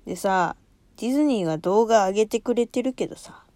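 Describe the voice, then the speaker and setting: A woman's voice: mid-range voice, brisk, dark tone, dry recording. Young woman, solo talk host, chatty, rambling, laughs a lot, dry close sound. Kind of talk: casual solo chat.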